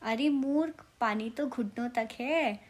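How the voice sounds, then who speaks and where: A woman's voice: on the high side, slow pace. A woman voicing a brave, cheerful young male dog in a storybook, confident and teasing. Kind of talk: storybook character voice.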